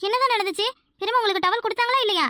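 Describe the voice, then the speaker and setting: A woman voicing a sharp-tongued, teasing young village wife in a cartoon comedy, with a Tirunelveli Tamil accent and rapid, needling questions. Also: very high-pitched, dry recording, clean studio sound. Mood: alarmed, nosy.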